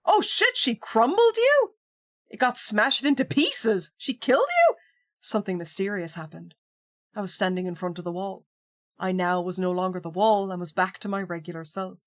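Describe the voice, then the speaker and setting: Here a woman streaming a spooky visual novel reads it calmly, interrupting herself with playful, excited reactions while music plays. She speaks at medium pitch and normal speed, leaving long pauses.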